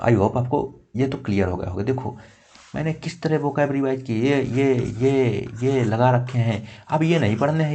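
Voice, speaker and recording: A young man coaching for exams, with a voice of average pitch. He talks casually and keeps checking with "okay". He counts pages out loud as he shows his notes. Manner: conversational, repeats "theek" often, counts pages aloud. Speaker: exam coach. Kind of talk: casual tutorial, showing notes.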